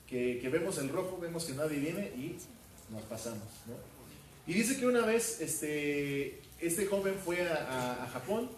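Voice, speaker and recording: A pastor giving a verse-by-verse sermon, asking his congregation questions and filling pauses with hesitations. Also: mid-range voice, a little hiss or hum. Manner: questions the congregation, many fillers. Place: church hall. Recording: roomy hall from far off.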